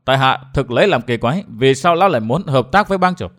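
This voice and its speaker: A calculating, courteous strategist from a martial-arts storybook, played by a man. He speaks respectfully and in a measured way, in a lowered voice. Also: expressive, a bit bright, close to an everyday voice. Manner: polite, measured. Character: shrewd, deferential middle-aged male strategist.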